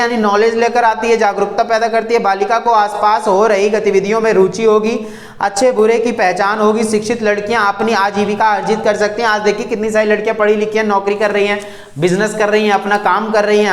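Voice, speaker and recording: A man's voice: high voice, little pitch movement, brisk. A male teacher explaining a textbook lesson. He reads lines from the book, restates them in plain words and gives students firm, direct advice. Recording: echoey room.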